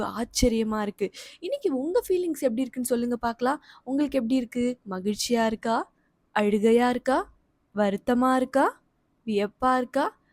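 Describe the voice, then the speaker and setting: A woman's voice: on the high side, a little mellow, dry recording, studio quality. A woman with a Tamil Nadu accent who teaches a textbook lesson to young children online, asking them questions and then answering them herself.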